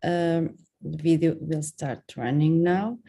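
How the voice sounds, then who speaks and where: A woman's voice: sits low, slow pace, vocal fry. A woman from Portugal, methodically presenting a neurosurgical case at an online conference. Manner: steady, methodical case description.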